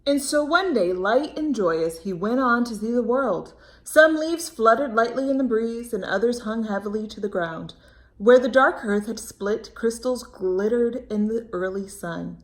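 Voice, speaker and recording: In a somewhat high, unhurried voice captured on a low-quality recording, a woman gives children an expressive picture-book read-aloud. She draws out words for emphasis and breaks off to chat with and question her young audience directly.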